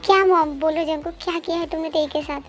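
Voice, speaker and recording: A woman's voice: very high-pitched, steady tone, fast talker. A woman voicing a worried middle-aged mother in a fan-dubbed story, asking anxious questions. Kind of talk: fan dub story voice acting. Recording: faint background music.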